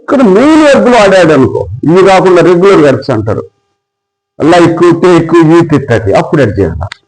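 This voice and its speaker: Telugu-accent guy teaching english grammar, high voice that jumps all over, really emphatic. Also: fast talker, poor audio. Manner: animated, emphatic, drills word pairs with rising stress. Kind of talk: explanatory lesson narration.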